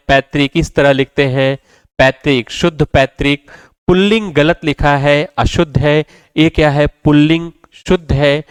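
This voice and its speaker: A man's voice: on the high side, smooth, no echo. A man teaching a spelling lesson, repeating each word and asking rhetorical questions before giving the answer. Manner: repetitive, drills words and asks rhetorical questions. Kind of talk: classroom lecture.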